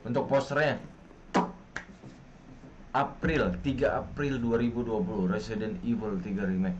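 A man's voice: fairly low pitch, fairly even intonation, unhurried, darkish tone. A young man with an Indonesian accent giving casual gameplay commentary as a streamer. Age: young adult. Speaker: gaming streamer. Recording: muffled, noisy with game audio.

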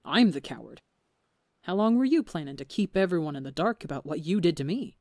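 In a clean, echo-free studio recording, a storybook reader with a natural mid-range voice performs a bitter, resentful young male pirate crewman. The delivery is animated, brisk and warm in tone as he lashes out with accusations in a raised voice.

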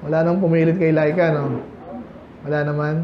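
A man's voice: on the high side, level tone, a little fast, slight background noise. A man with a Filipino accent preaching a sermon as pastor, talking in a conversational way and reading Bible verses in English. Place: church hall. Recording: echoey church, dull lo-fi sound.

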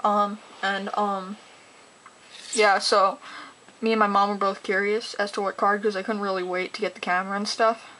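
A teenage girl chatting casually while opening trading card packs, talking fast and rambling excitedly. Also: mid-range voice, slight background noise, low-quality recording. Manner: gushing, excitable. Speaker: card collector vlogger. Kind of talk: casual unboxing chat.

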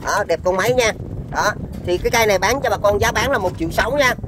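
A high-voiced man with a Southern Vietnamese accent gives a casual sales pitch for used machines. His patter is chatty and repetitive, and there is clear ambient noise in the recording. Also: fast. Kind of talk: informal live sales demonstration.

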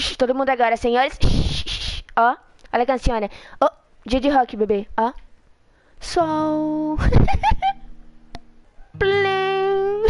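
A young Brazilian streamer, speaking with a Brazilian Portuguese accent, gives excitable, laughing live commentary while playing a video game, dramatically hushing her viewers and slipping in English words. Her voice is high, game music plays behind her, and there's a slight hiss or hum.

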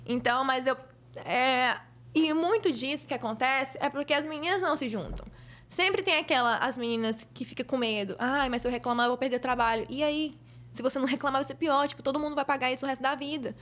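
A young woman with a Brazilian Portuguese accent, a fashion model telling stories as a podcast guest in a lively, expressive way. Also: high voice, a little fast. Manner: lively, expressive, acts out other people's voices. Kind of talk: casual storytelling in a podcast interview.

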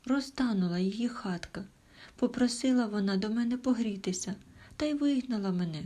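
A woman voicing a tearful little male hare who pleads in a hushed, whiny way in a storybook tale. Her voice is husky and breathy. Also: a little high, brisk, pitched above the performer's own voice, lightly acted. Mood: tearful pleading.

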